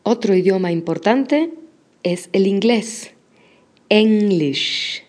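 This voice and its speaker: A woman teaching a language lesson, modeling words slowly and praising the listener after each repetition. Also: mid-range voice, expressive, warm tone. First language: Spanish. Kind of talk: slow, patient language lesson with repetition drills.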